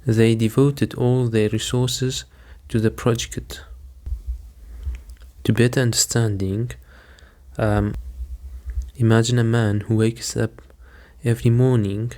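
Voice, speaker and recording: A man teaching English vocabulary in a slow, deliberate lesson, repeating each word and giving examples. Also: medium pitch, flat delivery, dark tone.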